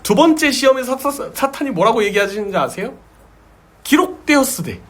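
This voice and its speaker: A man's voice: very high-pitched, animated, fast talker, a bit bright. A male pastor preaching a sermon, stressing his points and repeating key words for emphasis.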